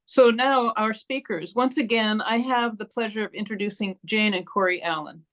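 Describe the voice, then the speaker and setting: A woman with a medium-pitched voice moderates an online event. She delivers prepared introductions and announcements to the participants. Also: fairly even intonation, moderate pace, fairly bright tone, poor audio. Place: online meeting.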